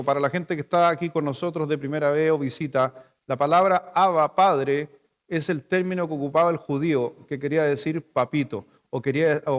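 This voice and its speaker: A man's voice: on the high side, long reverb tail. A male pastor with a Chilean Spanish accent preaching a sermon in a playful, conversational way, telling stories to his congregation. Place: church hall.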